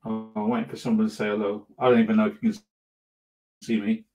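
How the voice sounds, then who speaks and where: A man's voice: lowish voice, level tone, fast, mellow, soft background music. Rambling man chatting on a livestream. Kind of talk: casual livestream talk to followers.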